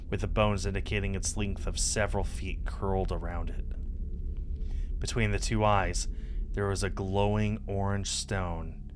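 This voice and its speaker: A man in his thirties, with a low voice, reads visual novel narration aloud as a streamer, sitting close to the mic at an indoor streaming setup. Game music and other background noise play behind him.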